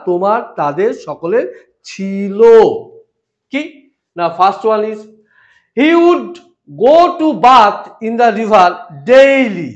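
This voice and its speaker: Slow, lively-pitched Bengali-accented male teacher. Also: muffled recording. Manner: slow, deliberate, repeats and quizzes with rhetorical questions. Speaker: English grammar teacher. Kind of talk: grammar lesson.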